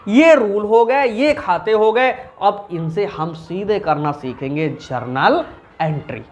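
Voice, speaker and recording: This male commerce teacher talks slowly in a voice that sits high, animatedly putting questions to himself and supplying the answers. It's an informal recorded lesson.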